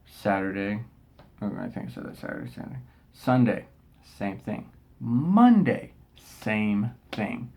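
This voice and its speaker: A young man vlogging in a loose, storytelling way. He sounds exasperated and animated, with lots of restarts and asides, and his voice sits a little low. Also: unhurried, gravelly. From Texas. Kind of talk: casual storytelling rant.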